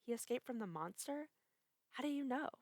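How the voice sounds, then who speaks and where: A woman voicing a gentle blind young woman who speaks worriedly with a trembling voice. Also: medium pitch, fast, vocal fry, dry recording, studio quality, lightly acted.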